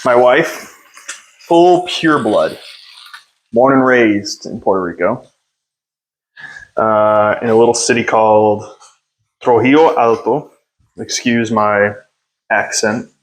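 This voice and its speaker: A young American man hosts a podcast from home, speaking off the cuff into a phone on a stand in a rambling, self-deprecating monologue stuffed with fillers. His voice is on the low side, slow and full of pauses. The audio is poor.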